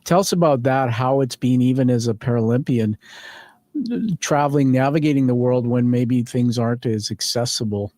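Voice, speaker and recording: Man, middle-aged, podcast host, friendly, rambling, medium pitch, dry close mic. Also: normal speed, darkish tone, dry recording. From Canada. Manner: friendly, rambling, laughs easily. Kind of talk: conversational interview. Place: studio.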